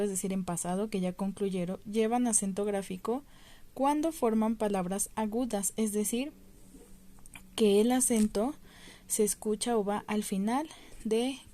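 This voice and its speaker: A woman talks through a primary school lesson. Her voice is mellow and warm, and her pitch sits in the middle. She explains patiently, step by step, and draws out the syllables she wants to stress. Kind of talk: recorded remote lesson.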